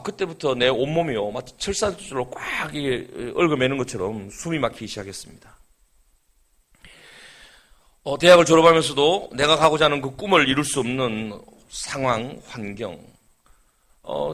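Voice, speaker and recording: A middle-aged man preaching a sermon, telling a personal story and dropping from hushed, quiet lines to loud, emphatic ones. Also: medium pitch. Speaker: pastor.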